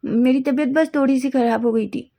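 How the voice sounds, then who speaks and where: A shy, easily flustered young man, as a woman puts him on in a read-aloud fan story, pitched high and stumbling over his words. The voice is soft and mellow. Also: steady tone, moderate pace. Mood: calm. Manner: stammering when nervous.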